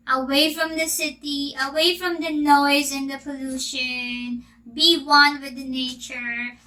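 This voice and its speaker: Chatting informally in a question-and-answer vlog, a woman from the Philippines, an English teacher and channel host whose first language was Filipino, poses questions and stretches her words out. Her voice is high-pitched, pushed and bright, and the recording is rough.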